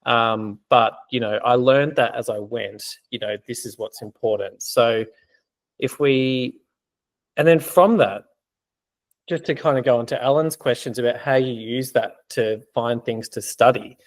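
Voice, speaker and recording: A man's voice: mid-range voice, a little slow. A man working as an exam prep tutor, explaining in a conversational way with many fillers during a casual teaching Q&A.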